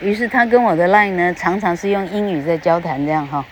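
Brisk and fairly low-pitched, a woman chats into a podcast microphone while casually teaching English pronunciation, tagging sentences with small fillers and stretching example words. The audio is poor, with a little hiss or hum.

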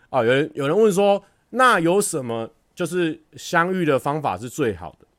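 Man, casual livestream chat, acts out stories, somewhat high voice, dry room. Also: normal speed, no room sound. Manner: animated storytelling, acts out scenes, laughs often. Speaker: livestream host.

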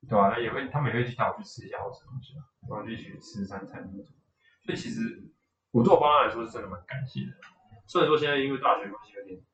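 A man's voice: medium pitch, rapid-fire, a bit bright, reverberant, muffled recording, slight background noise. A young man, a guest on a casual podcast, telling a personal story in a rambling way, full of restarts. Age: young adult.

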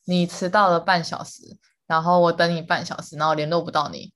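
A woman co-hosting a casual chat podcast, animated and quick to repeat words for emphasis, laughing often. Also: on the low side. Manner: calls herself quick to anger. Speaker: podcast co-host.

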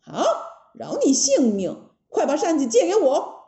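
Woman doing a cheeky loud monkey king. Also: sits high, wildly swooping pitch, measured pace, echoey room, voice pushed up, full character voice. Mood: bossy. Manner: loud, playful, teasing.

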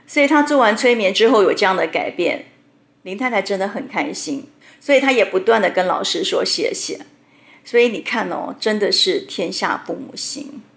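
A middle-aged woman with a Taiwanese Mandarin accent telling stories in a relaxed, chatty way, full of little particles. Her voice is mid-pitched with a gravelly texture. The recording sounds roomy and echoey. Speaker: hypnotherapist host. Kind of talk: casual storytelling talk. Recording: roomy echo.

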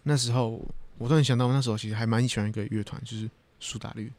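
A man's voice: mid-range voice, steady tone, racing, a little mellow. A young man hosting a podcast in casual chat, easygoing and a bit tired. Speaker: podcast host.

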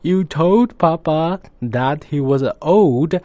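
Curious, upset little boy from a storybook, read by a man, pitched slightly up, dry and close. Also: expressive, slow pace, dark tone, dry recording. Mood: tearful.

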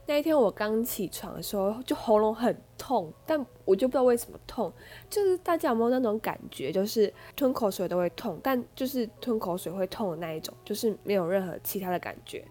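A young woman with a Taiwanese Mandarin accent hosts a casual podcast, her voice stuffed up from a blocked nose. She retells events in a chatty, animated way, full of fillers and quick asides, at a mid pitch typical for a woman. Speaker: podcast host. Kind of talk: casual storytelling monologue.

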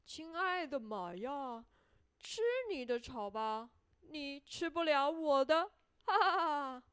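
A woman's voice: high voice, lively intonation, slow, no echo. A woman voicing a cheeky, boastful little gingerbread man in a children's storybook, taunting in a sing-song way. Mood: taunting gleeful.

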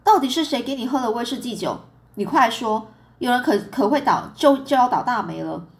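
A woman's voice: on the high side, animated, brisk, lightly acted. A woman doing a stern scolding mother. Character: stern, exasperated farm mother.

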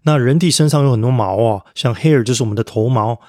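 A man hosting a podcast vocabulary lesson in a friendly, upbeat way, spelling out words letter by letter and ending phrases with soft particles. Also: mid-range voice, fast, dry recording, clean studio sound. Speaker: English vocabulary teacher and podcast host.

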